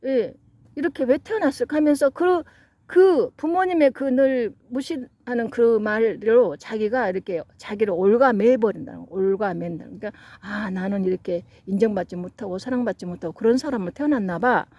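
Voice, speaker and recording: A middle-aged woman lecturing on psychology and parenting in a mellow, darker tone. She tells her stories earnestly and acts out the quoted parents and children. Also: fairly high pitch, normal speed, no room sound. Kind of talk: lecture with anecdotes.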